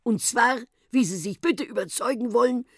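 A woman voicing an excitable, eccentric old male professor in a storybook reading, with a high, fussy, emphatic delivery. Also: normal speed, breathy edge, no echo, clean studio sound. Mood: excited.

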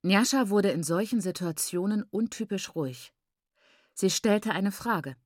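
A woman reads a novel aloud in a steady, measured voice of middle pitch. Her delivery is calm and even. The recording is dry, with no room sound. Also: no echo. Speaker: audiobook narrator. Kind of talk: scripted narration.

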